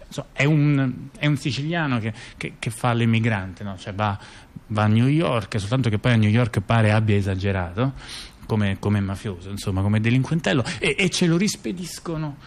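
Playing a talkative intellectual in monologue theatre, a man with a fairly low, expressive voice addresses a listener as he relates scandals in an explanatory, ironic mood. He halts, repeats himself and keeps tacking on rhetorical tag questions.

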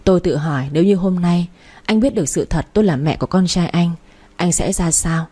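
A woman reads a first-person story aloud in a steady, emotional way. Her voice sits low, husky and mellow. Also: fairly quick. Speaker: narrator.

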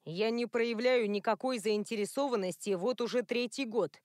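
A woman's voice: on the high side, normal speed, darkish tone, no echo, clean studio sound, lightly acted. A woman reading the part of a flustered, impatient young male police inspector. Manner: sighing, exasperated.

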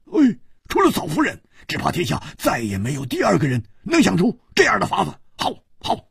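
A boisterous, hot-headed swordsman, as a man voices him, blurting and stammering with a high, excitable pitch. His husky voice sits dry and close, with no room around it. An audiobook figure full of bluster. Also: brisk, no echo, full character voice. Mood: delighted.

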